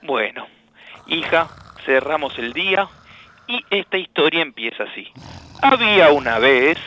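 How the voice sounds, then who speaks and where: A man playing a caring father with a Rioplatense accent in a school radio play, speaking softly and coaxingly. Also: fairly high pitch, sing-song, unhurried, muffled recording, full character voice. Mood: tender. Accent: Rioplatense Spanish. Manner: soft-spoken, coaxing.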